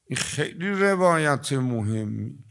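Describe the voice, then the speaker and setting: An older man giving a sermon to a gathering, telling stories and drawing some words out slowly before rushing through others. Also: medium pitch, lively intonation, gravelly, a bit bright. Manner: storytelling, shifting between slow, stretched emphasis and quick asides. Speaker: preacher. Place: religious gathering with an audience.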